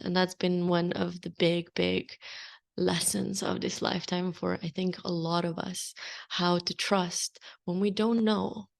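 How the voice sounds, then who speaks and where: A woman's voice: mid-range voice, creaky. A woman, hosting a podcast in open, unscripted, meandering solo talk. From Slovenia. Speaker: podcast host. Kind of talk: casual solo podcast chat.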